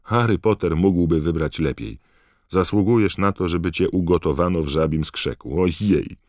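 Man doing a teenage schoolgirl witch, earnest and touchy, very deep voice pushed upward, dry close sound, storybook reading. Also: normal speed, darkish tone, no echo. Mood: dismayed.

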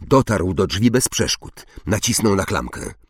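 Low husky man, audiobook narrator, lively dramatic reading, dry close sound. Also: measured pace, no echo. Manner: expressive, dramatic storytelling.

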